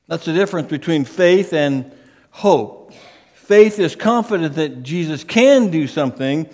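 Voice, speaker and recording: A man's voice: on the high side, darkish tone, long reverb tail. A man preaching a sermon as pastor, emphatic and conversational, often repeating his phrases for stress. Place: church sanctuary.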